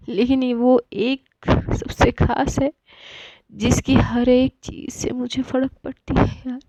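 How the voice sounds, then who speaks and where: A woman's voice: sits high, mellow, no echo. A woman voicing a heartbroken young woman who speaks in raised, tearful outbursts in a storybook reading. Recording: dull lo-fi dry recording.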